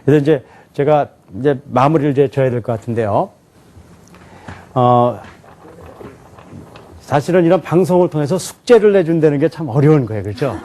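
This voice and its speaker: A man's voice: a little high, mellow, slight background noise. Korean man lecturing, quizzing his class. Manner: asks questions then answers them himself; demonstrates pronunciation slowly and syllable by syllable. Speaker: teacher. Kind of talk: televised lecture.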